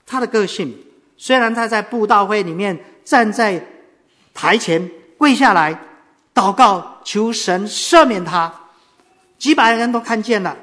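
Anxious pleading gambler, as a preacher puts him on. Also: male voice, expressive, a little slow, bright, forceful tone, exaggerated voice. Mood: boastful. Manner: high, strained, pleading.

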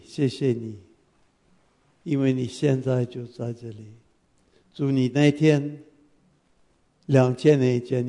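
Gravelly-voiced male guest pastor. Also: mid-range voice, dark tone. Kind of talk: prayer and sermon. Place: church.

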